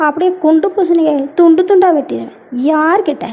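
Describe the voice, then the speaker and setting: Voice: very high-pitched, a little fast, creaky, muffled recording, slight background noise. A woman voicing a jealous young cartoon husband who mutters boastful threats while holding back his temper. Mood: seething. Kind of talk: Tamil cartoon voice acting.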